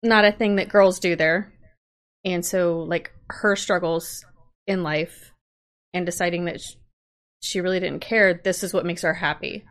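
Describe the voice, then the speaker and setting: A woman's voice: fairly low pitch, fairly even intonation, a little slow, fairly bright tone. A woman guest on a podcast, earnestly explaining a project in casual talk. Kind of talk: casual chat.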